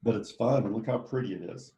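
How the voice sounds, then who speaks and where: A man's voice: lowish voice, quick pace, mellow. A man teaching a children's art lesson, talking chattily and enthusiastically as he walks them through each step. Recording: echoey room.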